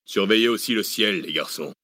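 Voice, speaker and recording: A man's voice: lowish voice, animated, a little fast, sharp tone, no room sound. A man voicing a cynical, brutal male mercenary chief who barks orders and mocks, in a dry audiobook reading. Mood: mocking. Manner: barking orders, mocking laughter.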